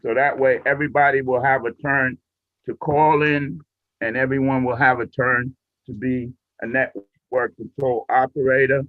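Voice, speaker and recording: Over a video call, an instructor runs a radio training class, walking students through things in a relaxed, patient, step-by-step manner. He speaks at normal speed with a medium pitch that barely moves, and the sound is muffled and roomy.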